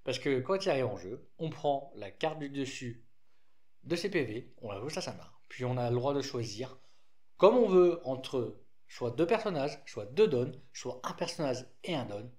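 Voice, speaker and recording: A man with a slight lisp talks through a trading card deck at an average pitch. His delivery is loose and conversational, full of fillers and self-corrections as he explains. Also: big pitch swings, moderate pace, darkish tone. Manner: rambling, frequent restarts and fillers, informal. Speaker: card game deck presenter.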